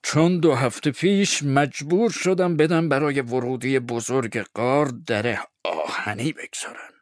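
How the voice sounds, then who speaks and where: A man voicing a stern older male judge who talks in a measured way, in a storybook reading. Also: medium pitch, dry recording, studio quality, voice pushed up, lightly acted.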